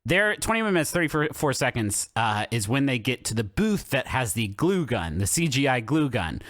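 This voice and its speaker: A man's voice: medium pitch, sing-song, normal speed, a bit bright, no room sound, studio quality. A man co-hosting a casual comedy film podcast, retelling scenes with laughter and filler. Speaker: podcast co-host.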